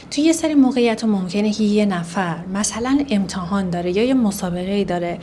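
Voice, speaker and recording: Iranian woman teaching, mid pitch, careful and patient. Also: a little mellow, a little hiss or hum. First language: Persian. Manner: explains slowly, repeats phrases in English. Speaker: English teacher. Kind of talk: language lesson explaining phrases.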